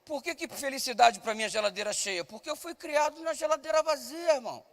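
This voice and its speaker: Loud male preacher with a very high voice, telling comic stories in a reverberant church hall. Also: fairly quick. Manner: loud, shouting at times, acting out voices in his stories. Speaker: pastor. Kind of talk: sermon with comic storytelling.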